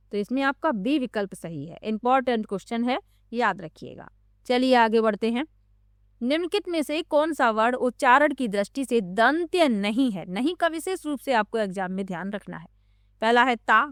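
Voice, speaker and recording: A woman teacher with a smooth, clear and slightly high voice works steadily through exam questions. She reads each set of options and then explains why one answer is correct. The recording is close and dry, with no room sound. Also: a bit bright, no room sound.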